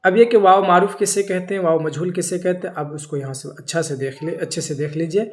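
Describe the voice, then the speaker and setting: A man with a slightly higher voice explains grammar rules in a patient, repetitive classroom manner. He asks questions and answers them himself, stretching words as he spells out examples. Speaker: teacher. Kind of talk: grammar lesson.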